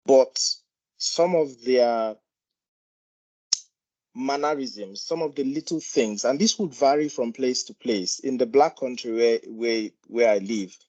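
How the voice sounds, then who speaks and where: He's a GP doctor with a Nigerian accent, taking part in an informal meeting discussion and repeating words hesitantly as he explains things. His voice is mid-range, slow, and a little mellow, captured in dull audio.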